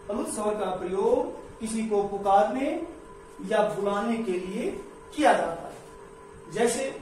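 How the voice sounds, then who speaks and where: Male grammar teacher, very high voice, slow and deliberate, repeats every definition; heavy room echo, mic far off. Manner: repeats each definition slowly, step by step. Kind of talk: slow explanatory lesson. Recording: echoey room, mic far off, faint noise.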